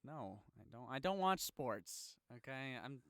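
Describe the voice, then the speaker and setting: A man's voice: medium pitch, expressive, unhurried, a bit bright. A young man co-hosting a podcast in casual chat, laughing often and swearing freely while thinking aloud. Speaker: podcast co-host.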